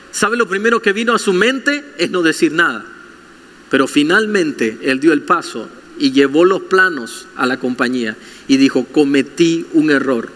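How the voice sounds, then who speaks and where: Male pastor, sermon; high and sharp-toned, asks listeners direct questions, long hall reverb.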